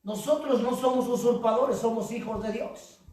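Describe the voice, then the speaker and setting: A high-pitched male pastor preaches with fervor, his voice climbing into shouts and pulling answers from the congregation. He sounds distant from the microphone, and a heavy church-hall echo surrounds every word. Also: normal speed. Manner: preaching with rising shouts and call-and-response. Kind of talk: sermon. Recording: very echoey hall, mic far off.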